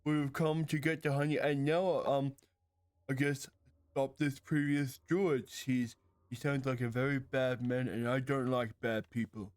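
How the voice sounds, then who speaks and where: A man voicing a friendly, naive, red-scaled adventurer in a tabletop game, polite and a little halting. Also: medium pitch, steady tone, lightly acted. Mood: earnest.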